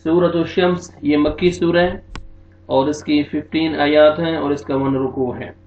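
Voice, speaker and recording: Slow, high-voiced male Quran teacher, echoey. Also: fairly even intonation. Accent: Urdu-speaking. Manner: slow drawn-out recitation between plain spoken explanations. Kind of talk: tajweed recitation lesson. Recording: echoey, dull lo-fi sound.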